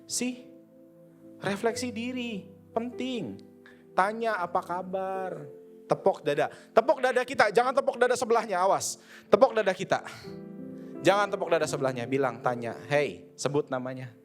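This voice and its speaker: Seorang pria berlogat Jakarta berkhotbah dengan santai dan akrab, sering memerankan percakapan dengan dirinya sendiri. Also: male voice, high-pitched, expressive, normal speed, long pauses, faint music behind. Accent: Jakarta Indonesian. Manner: conversational, slangy, acts out inner dialogue. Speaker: preacher. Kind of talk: casual sermon. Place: church service.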